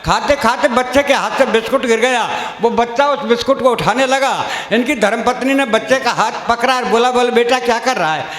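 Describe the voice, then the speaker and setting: A man's voice: extremely high pitch, moderate pace, few pauses, a bit bright. A man, performing as a comic poet at a kavi sammelan, telling folksy stories and voicing village characters. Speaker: stage comedy poet. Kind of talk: humorous kavi sammelan storytelling. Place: large stage with audience. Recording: roomy hall reverb.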